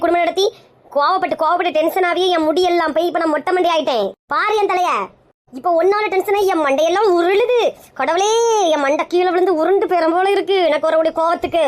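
A woman performs a hot-tempered, balding middle-aged aunt with a thick Kanyakumari accent. Her voice sits very high and the words tumble out fast. She scolds and flings insults nonstop in a slang comedy skit. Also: steady tone. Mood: furious. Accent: Kanyakumari Tamil. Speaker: comedy sketch creator. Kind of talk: slang comedy sketch acting.

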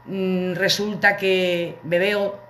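Bright-voiced woman telling a story. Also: mid-range voice, little pitch movement, extremely slow, slight background noise. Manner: chatty, colloquial, comic anecdote with acted quotes. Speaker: livestream host. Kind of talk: casual storytelling to viewers. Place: her living room.

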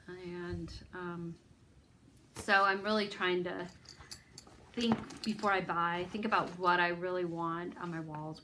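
There's background noise as a woman with a low-ish voice hosts a needlework video. She chats casually about her stitching projects, rambling with lots of ums and restarts and poking fun at herself.

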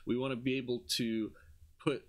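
A university music lecturer gives an informal talk over slides, explaining things conversationally and asking questions he then answers himself. His voice is medium-pitched and flat, at a normal speed. It's a screen-recorded lecture with webcam, made in an indoor room.

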